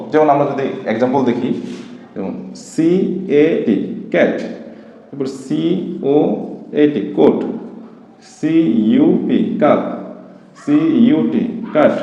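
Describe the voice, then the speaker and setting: A man's voice: mid-range voice, warm tone. A man teaching a phonics lesson, spelling words out letter by letter and answering his own questions. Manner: patient, asks questions then answers them. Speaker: English teacher. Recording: echoey room reverb, faint noise.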